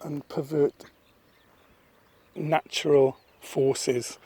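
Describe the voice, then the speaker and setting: A vlogger with a husky, slightly high, dark-toned voice muses in a casual monologue while walking outdoors through misty countryside. He speaks at a level tone, thoughtfully and ramblingly, pausing often, holding his phone at arm's length.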